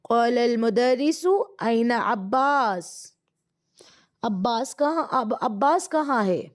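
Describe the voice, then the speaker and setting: A woman with a Pakistani accent teaching an Arabic grammar lesson, who explains in quick bursts and slows right down to recite each word. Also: on the high side. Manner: explains in quick bursts, drawls slowly when reciting words.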